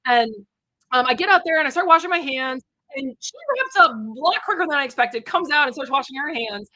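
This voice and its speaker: Bright high-voiced chatty woman. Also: fairly quick, no echo, rough recording. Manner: chatty storyteller, many fillers, animated quotes. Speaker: co-host. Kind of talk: casual chat.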